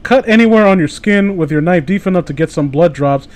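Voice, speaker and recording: A man with a high, expressive voice and a darkish tone talks a little fast. He co-hosts a casual comedy podcast about internet horror stories, swearing, joking and exclaiming as he chats and reads stories aloud mockingly.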